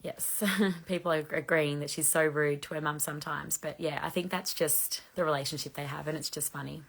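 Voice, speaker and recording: Low-voiced chatty woman in her thirties. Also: steady tone, fairly quick, gravelly, fairly bright tone. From Australia. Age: 30s. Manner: chatty, frequent "like" fillers, laughs lightly. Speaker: host answering viewer questions. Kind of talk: casual live chat.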